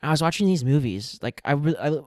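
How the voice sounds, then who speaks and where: A man's voice: fairly high pitch, expressive, quick pace, no echo, clean studio sound. A young man co-hosting a podcast, chatting casually and animatedly with a friend, laughing easily and restarting his sentences. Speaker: podcast co-host. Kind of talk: casual chat.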